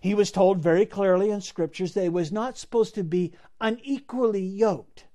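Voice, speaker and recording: A man's voice: high voice, moderate pace, warm tone. A man preaching a sermon, retelling a Bible story in a casual, conversational way with asides to the listeners. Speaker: pastor.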